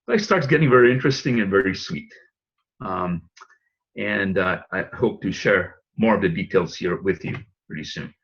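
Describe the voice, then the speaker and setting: In a lowish, husky voice, a man who grew up in Singapore presents a business opportunity to an audience as a webinar pitch. His delivery is loose and rambling, full of fillers and small chuckles, and the recording has its highs cut off.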